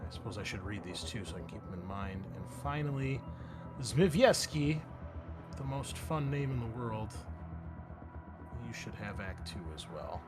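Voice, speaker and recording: Music plays as a man with a lowish voice runs a tabletop roleplaying game, turning to each player with easygoing narration. His intonation is lively and his pace moderate.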